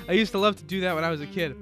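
A man's voice: sits high, fast talker, music in the background. A young man co-hosting a casual podcast, joking, laughing and reading listener emails aloud. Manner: jokey, laughs often, reads emails aloud. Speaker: podcast co-host.

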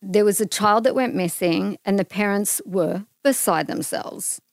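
A woman's voice: mid-range voice, unhurried, vocal fry, no room sound, clean studio sound. A middle-aged Australian woman, a guest in a casual interview, telling a personal story earnestly and animatedly. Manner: earnest, animated retelling with acted-out quotes.

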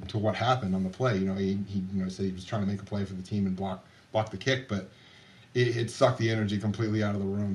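Male podcast co-host, sports writer, casual and halting delivery. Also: fairly low pitch. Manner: hesitant, many restarts.

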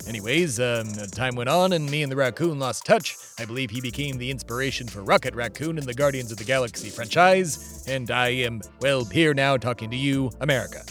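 A man's voice: mid-range voice, brisk, a bit bright, faint music behind. A man hosting a comedy podcast in character as a pompous, theatrical, boastful ageless host.

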